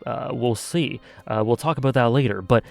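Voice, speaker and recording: A man's voice: mid-range voice, moderate pace, gravelly, darkish tone, faint music behind. A man casually reviewing an anime arc, thinking aloud with many fillers and self-corrections.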